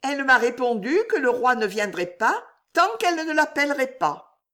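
A woman's voice: high voice, expressive, moderate pace, sharp tone, voice pushed up. A woman reading an audiobook, voicing a passionate, tearful young woman pleading with a king. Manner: pleading, emotional, breathy at times.

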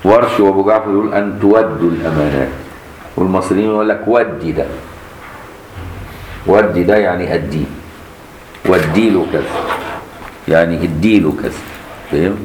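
A man's voice: sits low, fairly quick, pauses often, a little mellow. A man with an Egyptian accent, a sheikh teaching Quran recitation variants, demonstrating each reading and quizzing his students. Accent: Egyptian Arabic. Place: mosque. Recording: echoey mosque with faint noise.

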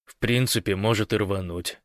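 A man voicing a sly, scheming man who feigns meekness, speaking soft and wheedling in an audiobook. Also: fairly low pitch, normal speed, no echo, clean studio sound, close to an everyday voice. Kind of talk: audiobook character voice.

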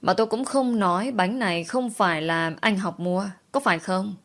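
A woman's voice: lowish voice, moderate pace, fairly bright tone, close to an everyday voice. Woman voicing a blunt, defiant young servant. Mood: calm. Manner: firm, cutting.

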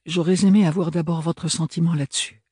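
A man's voice: fairly high pitch, fairly even intonation, fairly quick, a little mellow, slightly rough, dry recording, studio quality, pitched above the performer's own voice. A man voicing a timid, earnest young woman in an audiobook reading, with a hesitant, stammering manner. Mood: pleading.

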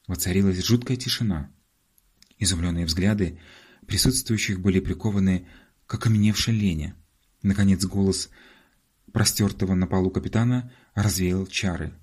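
Low, husky male audiobook narrator. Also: a little mellow. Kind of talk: scripted narration.

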